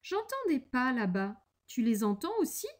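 A woman voicing a big, gullible male forest monster in a storybook read aloud, in a gruff, drawn-out voice. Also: sits high, big pitch swings, pitched above the performer's own voice. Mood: curious.

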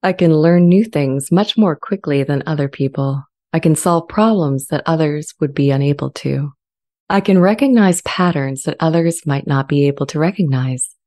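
Close to her everyday voice, a woman reads a dramatized transcript as a sentient AI, low-pitched, soft-edged and gentle, eager to be accepted. She is measured, earnest and articulate, and a note of earnest pride comes through. A close studio mic with a pop shield picks her up.

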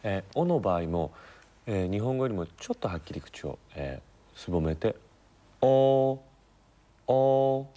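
A man taking part in a language lesson, polite and lively, repeating sounds clearly. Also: deep voice, moderate pace. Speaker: studio learner. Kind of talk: casual lesson talk.

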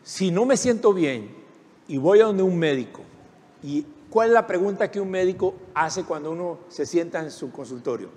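High-voiced man preaching in a hall. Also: animated, normal speed, a little mellow. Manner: preaching with rhetorical questions and calls for the congregation to repeat. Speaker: pastor. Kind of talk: sermon.

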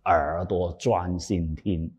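A man with a raspy, cracked voice giving a Buddhist sermon, swinging from loud emphatic lines to hushed whispered asides. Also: sits low, steady tone, slow. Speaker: Buddhist dharma teacher. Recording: long hall reverb.

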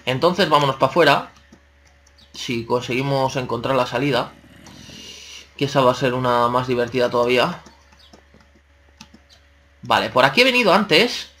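A man's voice: mid-range voice, expressive, moderate pace, long pauses, sharp tone. Chatty man narrating gameplay. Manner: chatty, talks to himself and viewers, playful exclamations. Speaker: gaming channel host. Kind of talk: casual let's-play commentary.

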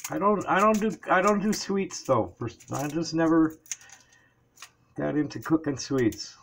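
A man's voice: a little high, measured pace, vocal fry, a bit bright, slight background noise. An older man chatting casually as he cooks in a small home kitchen, rambling as he works, recorded by a camera sitting on the counter. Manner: rambling, chatty, talks while working. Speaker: home cook vlogger. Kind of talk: casual cooking chat.

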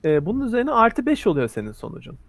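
A man's voice: high voice, wildly swooping pitch, fast talker, no echo. A man running a tabletop role-playing game, explaining rules and narrating action scenes vividly. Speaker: game master.

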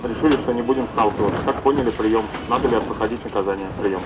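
A man talking fast over a walkie-talkie radio in clipped procedure calls. His voice sits at an ordinary pitch and comes through distant and thin. Loud wind and water noise nearly swamp it. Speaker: sailor radioing race officials.

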